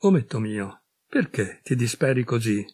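A man voicing a tall, kindly working man who speaks gently and good-naturedly. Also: medium pitch, very animated, moderate pace, slightly rough, dry recording, studio quality.

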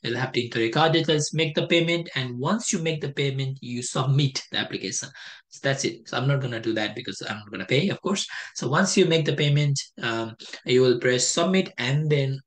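A man's voice: mid-range voice, brisk. Young man, from Nepal, tutorial walkthrough, casual explaining, headset mic, home room. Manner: explanatory, casual, with frequent fillers and restarts. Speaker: test prep tutor. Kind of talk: screen-share walkthrough tutorial.

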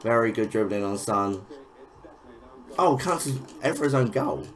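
A man's voice: fairly low pitch, expressive, unhurried. A young man giving casual, frustrated gameplay commentary, swearing and exclaiming over each goal. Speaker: gaming YouTuber.

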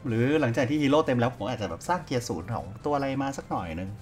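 A man's voice: medium pitch, animated, very fast, faint music behind. A man giving casual let's-play commentary, chatty and thinking aloud as he plays. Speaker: gaming YouTuber.

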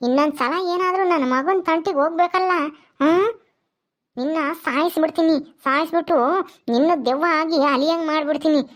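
A woman voicing the vengeful ghost of a dead first wife, speaking low and threatening in a comic skit. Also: fairly quick, close to an everyday voice.

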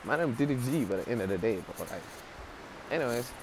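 An animated young man with a medium-pitched voice talks at a quick pace, joking and boasting in self-mocking street slang. His casual selfie vlog follows him through city streets and into a shop, captured on a wired earphone mic with the phone held from below. Traffic noise is loud throughout.

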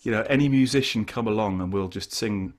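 A man's voice: fairly low pitch, fairly quick. A man leading a community choir rehearsal over a video call, chatty and self-deprecating. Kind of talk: casual online choir rehearsal talk. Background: guitar playing.

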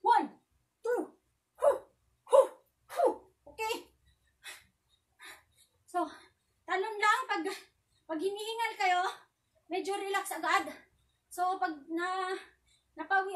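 Very high, breathless woman teaching drills. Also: steady tone, unhurried, long pauses. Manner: chatty, laughing, sharp counting shouts. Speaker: self-defense tutorial vlogger. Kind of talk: casual live tutorial with counted drills. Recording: voice distant from the mic.

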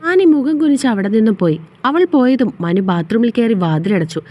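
A woman narrating a romance audio series in a steady, even storytelling manner. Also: a little high, a little fast.

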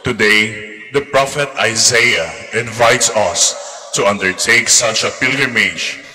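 Filipino priest preaching slowly in a church. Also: male voice, fairly low pitch, bright, forceful tone, faint music behind. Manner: slow, deliberate explaining. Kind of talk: homily. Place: large church. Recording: long church reverb.

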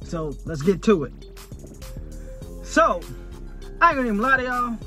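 A man in his thirties with a high, bright voice talks casually to his phone camera. He uses plenty of slang and curses, sitting inside a parked truck. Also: sing-song, normal speed, soft background music. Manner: slangy, swearing freely. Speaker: food challenge vlogger.

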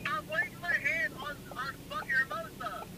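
Very high, sharp, irritated man on speakerphone. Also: big pitch swings, moderate pace. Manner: irritated, combative, swearing. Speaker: caller waiting for a ride. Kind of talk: heated phone argument. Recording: distant speakerphone in a noisy car.

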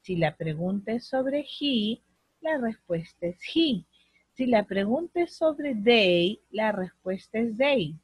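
Woman teacher, online class, husky voice, slow and patient, dry sound. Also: on the high side, animated, no room sound, poor audio. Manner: slow, patient explaining with drawn-out English examples. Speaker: English teacher.

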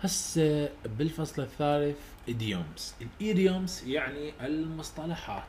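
A man's voice: fairly high pitch, lively intonation, a little mellow, slight background noise. Iraqi man dictating grammar rules. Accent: Iraqi Arabic. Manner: repeats rules slowly for dictation; colloquial step-by-step explaining. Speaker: university English tutor. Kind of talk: lecture.

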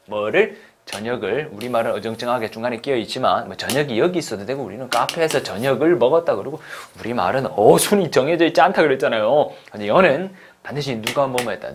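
Lively man teaching English. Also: medium pitch, a little hiss or hum. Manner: lively, drills phrases slowly for repetition. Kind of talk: online English lesson.

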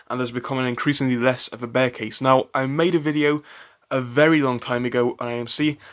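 A man hosting a stock commentary channel, talking in a chatty, opinionated way with frequent fillers and restarts. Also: mid-range voice. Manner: chatty, animated, with frequent fillers and self-corrections.

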